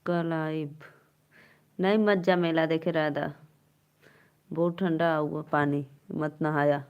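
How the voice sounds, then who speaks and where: A woman's voice: low-pitched, steady tone, slow pace, smooth, highs cut off. A young woman with an Awadhi accent hosting a folk-song live stream, chatting and teasing viewers and laughing often.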